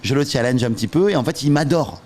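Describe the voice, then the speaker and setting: A man at a middle pitch tells a story in a relaxed, rambling way. He acts out both sides of old conversations and keeps stumbling over his words. A faint hiss sits behind him. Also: fast. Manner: animated, acts out both sides of past phone calls; loose, hesitant, many fillers and restarts. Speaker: entrepreneur and trainer telling his school story. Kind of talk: casual storytelling.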